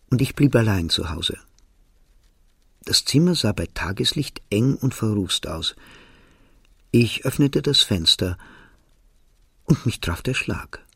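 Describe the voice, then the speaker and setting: A man reading a novel aloud as narrator, telling the story in a calm, measured way. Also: fairly low pitch, slightly rough, no echo, clean studio sound. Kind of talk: audiobook reading.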